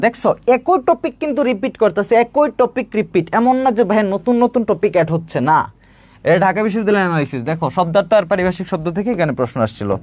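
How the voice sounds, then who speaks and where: A young male tutor from Bangladesh runs an online exam-prep lesson. His voice sits high and his delivery races along. He repeats key points and gives his students a pep talk. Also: darkish tone. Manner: fast, repetitive, pep-talk teaching. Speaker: admission test tutor.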